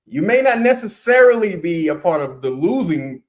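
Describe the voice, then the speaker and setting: Guy cohosting a hoops chat, bit higher voice, emphatic and steady. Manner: measured, emphatic, says "man" a lot. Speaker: podcast co-host. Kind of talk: casual basketball talk.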